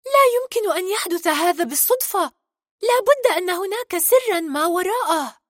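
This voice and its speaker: Merida, a woman voicing a high, excited young princess. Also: a little fast, no echo, studio quality. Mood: worried urgent. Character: brave, spirited young princess.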